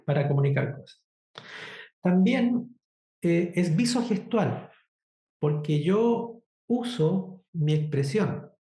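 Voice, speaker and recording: A sign language instructor, teaching a workshop lesson with deliberate explanations and frequent check-ins with the class. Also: medium pitch, dark tone. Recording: echoey room.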